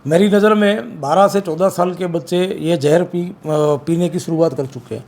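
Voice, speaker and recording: A man speaking as an activist in an interview, forceful and repeating his points with emphasis. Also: high-pitched, normal speed. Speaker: campaign activist. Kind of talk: interview, political criticism.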